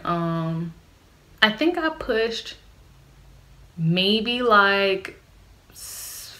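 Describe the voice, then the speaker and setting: A young woman tells a personal story in a frank, chatty way, turning to her viewers now and then. Her voice sits on the lower side for a woman, but it comes across bright and forceful. She speaks openly and never holds back. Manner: candid, chatty, addresses viewers directly. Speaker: vlogger. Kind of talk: storytime vlog.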